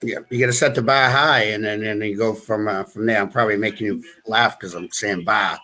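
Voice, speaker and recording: New England man, halting and chatty. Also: on the low side, fairly even intonation, pushed and bright. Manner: halting, many restarts and fillers, chuckles. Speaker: guest. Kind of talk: casual live-stream conversation.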